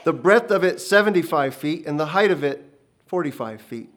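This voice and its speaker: A man reads dramatically as a booming, stern divine voice, delivering commanding proclamations in solemn, archaic language. He sounds a little high and a bit bright, with lively intonation and a moderate pace.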